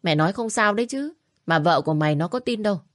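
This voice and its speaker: Woman voicing a stubborn old mother-in-law, self-righteous, pitch jumping up high, dry close sound. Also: animated, fast talker, dry recording, close to an everyday voice. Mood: defensive.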